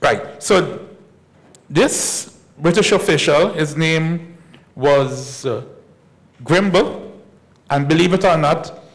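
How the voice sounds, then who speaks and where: A man, a historian giving a measured conference lecture and repeating key points slowly for emphasis. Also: a little high, low-quality recording. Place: conference hall.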